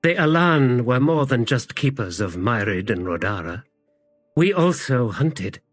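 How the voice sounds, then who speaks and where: A man's voice: medium pitch, no room sound, pitched above the performer's own voice, lightly acted. A man voicing a bitter, guilt-haunted woman warrior, grave and heavy, in an audiobook.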